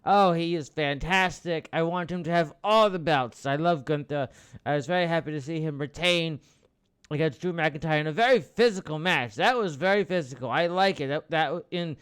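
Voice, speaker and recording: A man hosting a podcast, talking casually about wrestling in a rambling way with restarts, bursting into loud, excited outbursts and the odd swear. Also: fairly high pitch, smooth. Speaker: podcast host.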